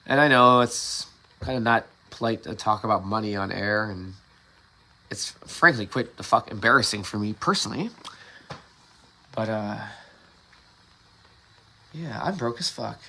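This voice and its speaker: A man's voice: on the low side, a little slow, long pauses, sharp tone. A man hosting a livestream from his yard before dawn, rambling candidly with frequent swearing and restarts, recorded on a phone. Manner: candid, profane, meandering with many restarts. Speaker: livestream host. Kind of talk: casual rambling monologue.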